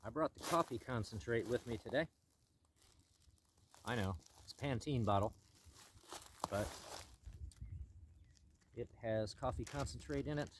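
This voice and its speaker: A man's voice: mid-range voice, a little slow, long pauses, background noise. An older man narrating casually as he hikes a forest mountain trail outdoors, thinking aloud with many fillers and the odd dry joke. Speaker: hiking vlogger. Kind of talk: casual narration while hiking.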